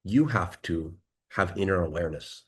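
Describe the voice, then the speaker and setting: A man coaching listeners, talking calmly and leading them through a slow guided breathing exercise with many questions. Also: low voice, slight background noise. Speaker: dating and confidence coach.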